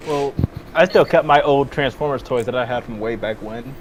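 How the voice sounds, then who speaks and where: A man's voice: mid-range voice, moderate pace. Hesitant young man over background noise. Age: 20s. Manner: hesitant, profane, many ums. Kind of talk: casual chat.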